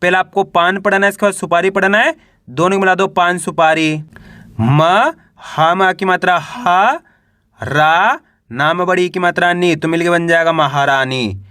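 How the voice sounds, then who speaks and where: High bright man teaching Hindi reading. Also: no echo. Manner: slow syllable-by-syllable spelling with drawn-out vowels; repeats "how will we read it?" drills. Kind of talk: online reading lesson.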